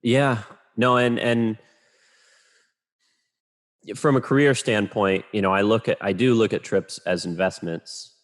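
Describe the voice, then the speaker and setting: A man, a photographer, talking casually and rambling in a relaxed, self-deprecating way as a podcast guest. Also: on the low side, measured pace, long pauses.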